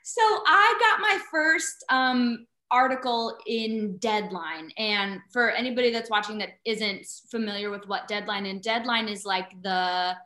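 A woman in her thirties chats casually as a guest, telling stories with lively energy and frequent laughter. Her voice is bright and slightly high. The recording has a noticeable roomy echo. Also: a little slow, hardly any pauses. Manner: animated storyteller, laughs often. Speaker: actress guest. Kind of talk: casual chat.

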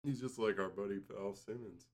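A man's voice: on the low side, a little fast, crowd noise. A man chatting casually as a podcast panellist, chipping in with wry comic remarks. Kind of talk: casual comedic chat.

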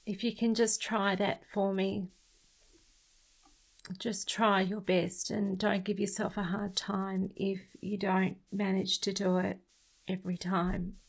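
A woman's voice: mid-range voice, level tone, takes it slowly, gravelly, poor audio. A woman speaking earnestly and directly to her listener, giving heartfelt advice on breaking free from toxic relationships.

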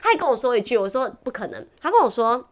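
A woman's voice: fairly high pitch, quick pace. A young woman, telling a story to her co-host in a casual chat and often breaking into laughter. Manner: animated storytelling, frequent laughter. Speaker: podcast co-host.

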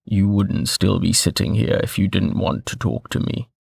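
A man voicing a blunt, smug middle-aged male information broker with a rough, gravelly voice. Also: sits low, normal speed, a little mellow, dry recording, studio quality, heavily acted. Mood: curt.

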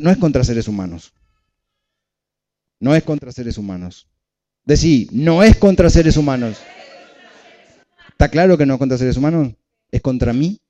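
A man's voice: medium pitch, warm tone, lo-fi sound. Man preaching with emphatic repetition. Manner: emphatic preaching, repeats phrases, asks the congregation questions. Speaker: pastor. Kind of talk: sermon.

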